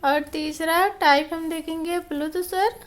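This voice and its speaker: A woman with a high, light voice, teaching a class. She explains patiently, restating each point in simpler words and walking through examples one by one. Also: fairly even intonation, measured pace.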